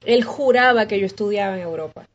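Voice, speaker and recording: A Venezuelan woman with a Venezuelan accent, a guest musician recounting her story in an interview with lively acted-out dialogue and frequent restarts. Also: medium pitch, fairly quick, highs cut off. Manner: expressive, acts out quoted dialogue with many restarts.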